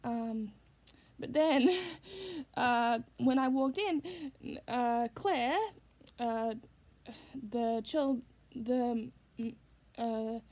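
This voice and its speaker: A young Australian woman, a vlogger and puppeteer, chats casually to a device camera held close in a small room. Her voice is a little high and darkish, extremely slow with frequent pauses, and she rambles with many fillers and laughs.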